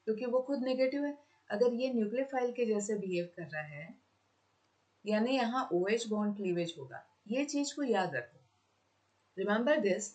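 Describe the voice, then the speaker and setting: A woman's voice: mid-range voice, darkish tone, rough recording. A woman teaching a chemistry class, with an Indian accent in her English. She mixes Hindi and English, repeats each question and answers it herself, and talks to her students fondly as children. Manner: switches between Hindi and English. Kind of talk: classroom lecture.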